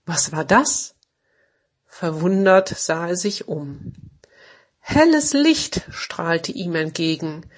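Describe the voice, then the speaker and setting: A woman narrating a children's story in a gentle, measured storybook reading. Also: on the low side, breathy edge.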